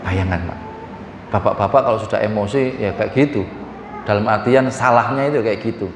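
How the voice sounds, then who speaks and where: A man preaching a sermon with an East Javanese accent, lively and joking, often acting out little voices and speaking straight to the audience. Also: on the low side, a little fast, noisy background. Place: hall. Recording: echoey hall from far off.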